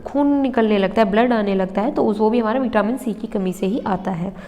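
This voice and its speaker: With a mellow, mid-range voice and a slightly fast pace, a young woman walks her listeners through an exam-prep lesson on handwritten notes. She goes step by step, checks in with them, and gives an occasional slight cough. Long reverb fills the roomy recording.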